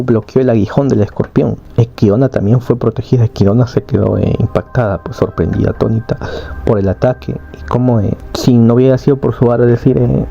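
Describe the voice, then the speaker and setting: A man's voice: mid-range voice, vocal fry, dark tone. A man narrating a story recap casually, loose and chatty with frequent fillers and tag questions. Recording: dull lo-fi recording.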